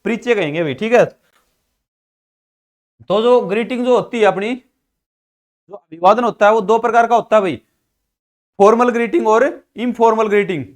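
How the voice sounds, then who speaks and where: Male teacher, high voice, lecturing students, poses questions and answers them. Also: moderate pace, pauses often. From Haryana, India. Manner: repeats questions and answers them himself, frequent "ठीक है भाई". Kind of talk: classroom lecture explaining English pronunciation.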